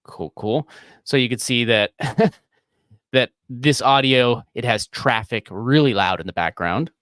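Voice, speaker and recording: A man's voice: medium pitch, measured pace, fairly bright tone, no echo, studio quality. A man hosting a live screen-share editing tutorial, talking casually and rambling with frequent chuckles. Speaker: host.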